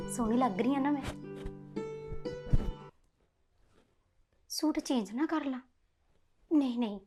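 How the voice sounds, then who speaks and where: A young woman plays a lovestruck schoolgirl in a family drama, playful and coaxing with her mother. Her voice is very high and light. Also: natural voice. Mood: dreamy. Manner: playful, coaxing, talks to herself. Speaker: daughter. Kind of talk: village family drama acting.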